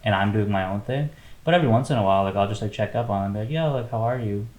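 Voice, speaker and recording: Low-voiced young man, relaxed chat. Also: very fast, echoey room, low-quality recording. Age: young adult. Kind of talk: casual chat.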